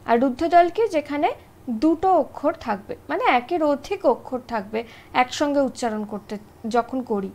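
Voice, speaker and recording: A woman's voice: high-pitched, moderate pace, a little mellow. A woman teaching an exam-prep grammar lesson, explaining step by step and often checking in with short tag questions.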